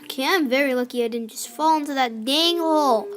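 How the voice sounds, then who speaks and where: A woman's voice: high-pitched, fairly quick. A young girl chatting casually as she plays a video game, scolding her villagers and narrating what she builds. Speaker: gamer. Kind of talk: casual gameplay commentary. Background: faint music from a clarinet.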